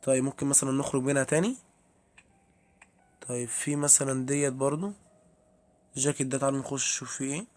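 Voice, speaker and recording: A man's voice: mid-range voice, fairly even intonation, fast, long pauses, a little mellow. A young man with an Egyptian Arabic accent giving chatty commentary while playing a horror game and talking to his viewers. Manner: chatty, addresses viewers, easily startled. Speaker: gameplay streamer.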